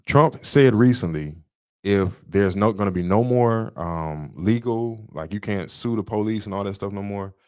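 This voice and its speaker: A man's voice: fairly low pitch, normal speed, clear, resonant tone, no room sound, studio quality. A man co-hosting a podcast, lecturing in an emphatic way and repeating his points. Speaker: podcast co-host. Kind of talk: casual political talk.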